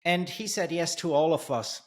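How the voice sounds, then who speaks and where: On a video call through a stand-mounted studio mic, a Swiss entrepreneur and coach with a higher voice recounts his story in an interview. He is halting, restarting often and using lots of fillers, and he laughs while telling stories.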